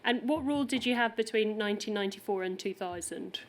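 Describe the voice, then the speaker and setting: A woman's voice: mid-range voice, quick pace, slight background noise. A woman with a Northern Irish accent, questioning a witness at a formal hearing in a polite, methodical way. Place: inquiry hearing room.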